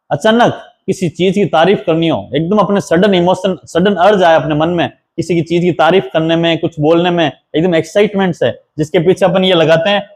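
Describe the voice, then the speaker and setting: Higher-pitched man teaching grammar. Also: darkish tone. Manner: explains step by step, reading English examples slowly; mixes English terms into Hindi. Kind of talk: exam-prep grammar lesson.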